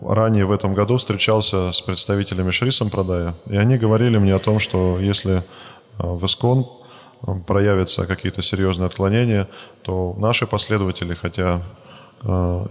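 Deep-voiced male interpreter in a hall. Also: steady tone, moderate pace. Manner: hesitant, many fillers and restarts. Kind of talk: consecutive interpreting of a lecture. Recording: long hall reverb.

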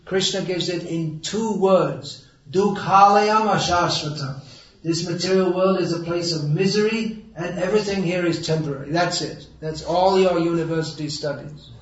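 A man's voice: high voice, normal speed. Sarcastic man preaching in an echoey hall. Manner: sarcastic and wry, then earnest and emphatic. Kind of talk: sermon. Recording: roomy echo, distant mic, dull sound.

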